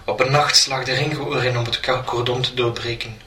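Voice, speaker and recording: A man reading a short story aloud in an even storytelling manner. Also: medium pitch, normal speed. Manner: flat, even storytelling delivery. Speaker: narrator. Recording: roomy, distant mic, faint noise.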